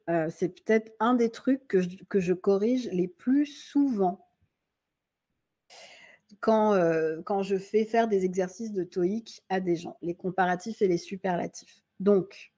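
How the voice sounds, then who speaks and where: A woman teaching an English grammar lesson in French, patiently repeating key points and reading example sentences slowly in a friendly, informal way. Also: mid-range voice, dark tone. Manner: friendly and informal, addresses viewer as tu.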